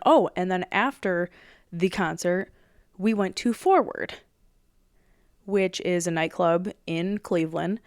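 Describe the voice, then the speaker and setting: A woman's voice: on the low side, clean tone, no echo, clean studio sound. A young woman hosting her own show, casually retelling a concert weekend, swearing constantly and acting out what people said. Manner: profane, animated retelling with quoted dialogue. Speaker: podcast host. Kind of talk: casual storytelling.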